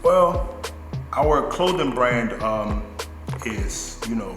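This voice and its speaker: A man from Nigeria, a clothing brand owner, talking in a casual interview in a relaxed, thoughtful way, with plenty of fillers. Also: mid-range voice, very slow. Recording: echoey room with long reverb and music behind.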